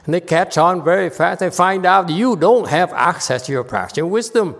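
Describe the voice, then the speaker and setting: A man's voice: sits high, normal speed, gravelly, a bit bright, big-room sound. A man teaching a Buddhist class, teasing and blunt with his students and laughing often. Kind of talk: Dharma class teaching with banter.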